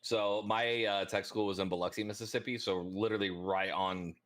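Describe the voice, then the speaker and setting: Low-voiced man rambling in casual chat. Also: fairly even intonation, fairly quick, a bit bright. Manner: laid-back, profane, rambling with many fillers.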